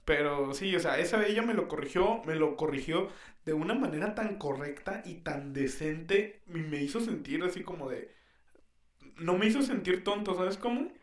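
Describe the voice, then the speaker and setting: A man's voice: a little high, lively intonation, moderate pace, echoey room. A young Mexican man co-hosting a podcast in casual, slangy chat, often mimicking other people's voices. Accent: Mexican Spanish. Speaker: podcast co-host.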